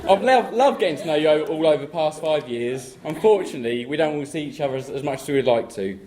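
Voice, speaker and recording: A young man from England, speaking as the groom at his wedding reception, joking and then thanking family warmly. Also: a little high, animated, fast. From southern England. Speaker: groom giving a wedding speech. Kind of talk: wedding speech to guests. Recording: loud crowd and noise at a reception. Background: laughing guests.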